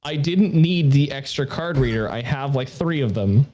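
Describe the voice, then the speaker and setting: A man's voice: mid-range voice, animated, normal speed, darkish tone. A young man co-hosting a casual podcast chat, joking, swearing and laughing often. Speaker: podcast co-host.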